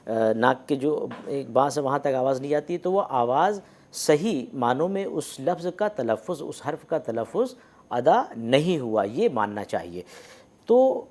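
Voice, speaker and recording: Male lecturer, animated intonation, patient and halting delivery. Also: mid-range voice. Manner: explains slowly with many hesitations and demonstrated sounds. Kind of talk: academic lecture on script and pronunciation.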